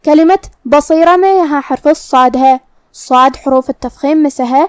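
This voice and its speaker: Female tajweed teacher, high voice, careful step-by-step explanations. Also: darkish tone, dry recording, studio quality. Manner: explains each letter rule methodically, then recites words slowly. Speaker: Quran recitation teacher. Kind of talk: tajweed lesson with slow recited examples.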